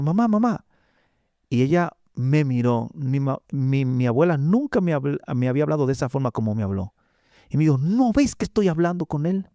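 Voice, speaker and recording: A man recounts a personal testimony in an earnest, halting way, pausing on filler sounds. His voice is warm and dark at an ordinary pitch. It is recorded close and dry in a podcast studio. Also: dry recording. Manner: earnest storytelling with frequent hesitations. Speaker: guest preacher.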